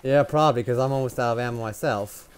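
A man's voice: mid-range voice, fast talker, slight background noise. A man recording a co-op game session, joking and sarcastic while he plays. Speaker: gamer recording a co-op let's play. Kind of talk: casual gameplay commentary.

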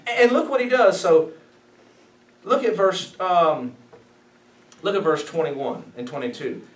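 A man preaching as a pastor, emphatic and animated, asking his listeners questions as he teaches. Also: high-pitched, a little slow. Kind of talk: sermon, Bible study teaching. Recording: echoey room, mic at a distance.

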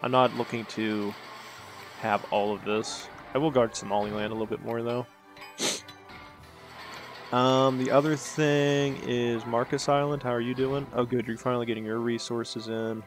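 His medium-pitched voice barely moves in pitch and keeps a moderate pace, with faint music behind. The man, whose first language is English, runs his own gaming channel and casually narrates a strategy game, thinking out loud, rambling and making sarcastic asides to himself.

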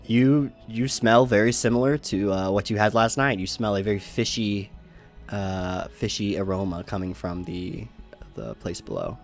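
A man narrating as game master in a relaxed, rambling way. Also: on the low side, normal speed, soft background music. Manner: relaxed, filler-laden.

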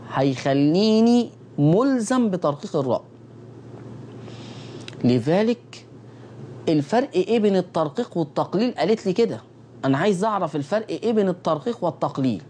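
Man, Egyptian accent, middle-aged, recitation teacher, sounds out letters slowly, warm, faint background hiss. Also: high-pitched. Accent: Egyptian Arabic. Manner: repeats key phrases and sounds out letters slowly for viewers to copy. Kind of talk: televised recitation lesson.

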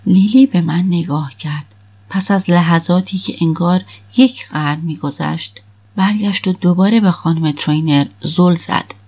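A woman reading an audiobook in the first person, calm and steady. Her voice sits on the low side with a husky, breathy grain. The delivery stays even from line to line. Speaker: audiobook narrator.

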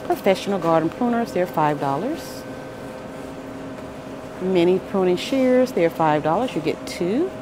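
A shopping vlogger wanders the indoor aisles of a large grocery store, filming on a handheld phone that picks up steady store noise. In a fairly low, lively, swooping voice she unhurriedly calls out items and prices, upbeat and with little exclamations, in a shop-with-me price walkthrough.

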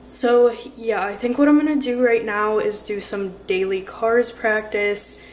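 A woman's voice: medium pitch, steady tone, a little slow, a little hiss or hum. A woman in her twenties chatting casually to the camera in a study vlog, filling her talk with "like" and "um". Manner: chatty, uses lots of "like" and "um". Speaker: vlogger studying for a medical school entrance exam. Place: apartment living room, indoors.

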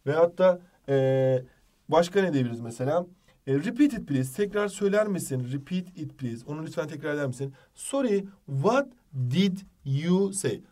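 A man teaching a jokey exam-prep lesson, with a Turkish accent, reading English phrases slowly. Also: fairly high pitch, lively intonation, warm tone, far from the mic.

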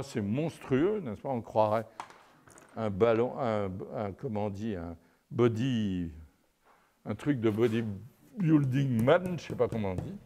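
An older man with a medium-pitched, slightly mellow voice gives a live anatomy lecture while drawing at a chalkboard. Digressive and wry, he often checks in with his audience and peppers his talk with "n'est-ce pas".

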